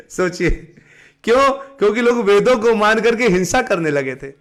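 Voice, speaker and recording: A man giving a live-streamed devotional talk, asking the audience questions and answering them himself, sometimes breaking into slow sung chanting. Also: sits high, animated. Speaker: devotional teacher.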